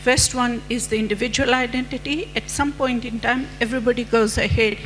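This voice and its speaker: Conference speaker: middle-aged woman, fairly high voice, measured lecturing delivery, reverberant hall with faint hum. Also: steady tone, a bit bright, faint music behind. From Fiji. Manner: measured, lecturing with rhetorical questions. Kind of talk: conference presentation.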